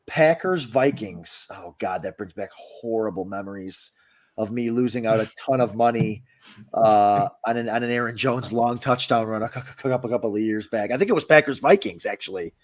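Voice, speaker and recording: A man co-hosting a fantasy football podcast in casual banter, excitable and often stammering and repeating words. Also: lowish voice, moderate pace.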